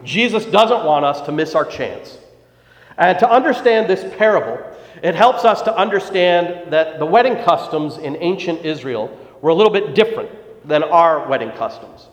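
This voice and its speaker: A man's voice: on the high side, animated, normal speed. Man preaching in an echoey hall. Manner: storytelling, tells jokes then explains scripture. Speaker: pastor. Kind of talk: sermon. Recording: echoey hall, dull lo-fi sound.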